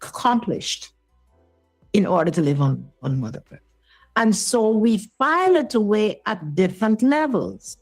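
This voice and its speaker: A woman's voice: mid-range voice, very animated, unhurried, darkish tone, no echo, soft background music, rough recording. A woman in her sixties from Guyana, telling her story as an interview guest and minister, earnest and explanatory. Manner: earnest, explanatory, checks in with the listener.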